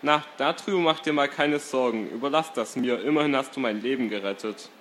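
A man's voice: mid-range voice, fairly quick, a bit bright, a little hiss or hum, natural voice. A man voicing a cheerful, teasing young male companion in a storybook reading.

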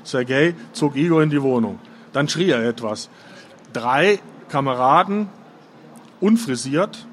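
Casting: male audiobook narrator, steady and even, slightly high voice, faint hiss. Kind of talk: audiobook reading.

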